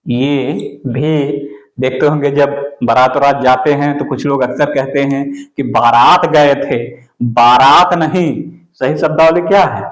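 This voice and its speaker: A man teaching an exam-prep spelling lesson, going slowly and repeating each word. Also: mid-range voice, steady tone, echoey room, low-quality recording. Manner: slow, deliberate, repeats words for the student.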